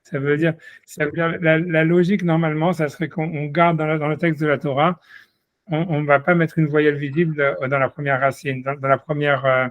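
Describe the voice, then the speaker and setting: A man with a somewhat high voice explains a text to a single student. He leans on "tu vois", repeats himself and restarts as he searches for the words. The sound is dry and close, with no room echo. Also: little pitch movement, fairly quick, narrow, tinny audio. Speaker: Talmud teacher. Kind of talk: one-on-one study session.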